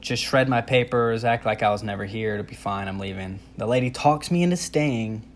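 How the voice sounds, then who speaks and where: Speaking fairly fast in a lowish voice, a young man recounts a comic episode from his own life, poking fun at himself and acting out how he reacted in a casual, animated way. A bit of hiss or hum can be heard.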